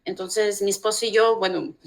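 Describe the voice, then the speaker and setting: A middle-aged woman from Ecuador with an Ecuadorian Spanish accent, telling family stories as an interview guest, warm and full of restarts. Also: medium pitch, moderate pace, gravelly. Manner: warm storytelling with many restarts. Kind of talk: casual interview talk.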